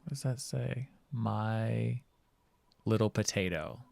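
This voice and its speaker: A man's voice: lowish voice, slow, vocal fry, a little mellow, no echo. A man hosting a let's play, commenting casually on the game and reading out what he finds. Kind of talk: casual game commentary, reads notes aloud. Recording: faint game music behind.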